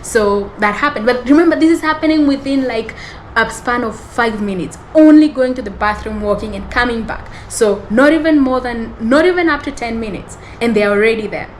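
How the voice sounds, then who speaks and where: On a podcast, a female host with a somewhat high voice recounts a personal story at a normal speed. She meanders, revises what she says, and laughs frequently. There's a little hiss or hum in the rough recording.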